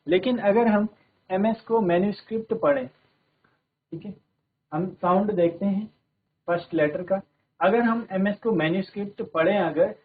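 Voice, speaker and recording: A male English teacher, giving a classroom grammar lesson in a steady manner and often checking that everyone follows. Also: high voice, moderate pace, long pauses. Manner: steady, repeats "ठीक है" to check understanding. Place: broadcast studio classroom. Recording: tinny phone-like audio.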